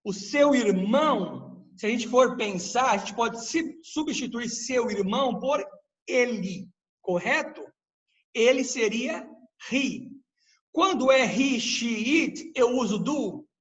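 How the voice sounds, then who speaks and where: Man, English teacher, live online lesson, high voice, slow deliberate pace, asks the class questions. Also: lively intonation, dull audio. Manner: explains patiently, quizzes the class with questions.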